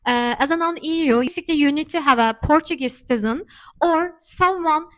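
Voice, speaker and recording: This woman from Turkey has a high, fairly bright voice and speaks fairly quickly. As co-host of a casual chat, she explains things and hesitates often, filling pauses as she goes.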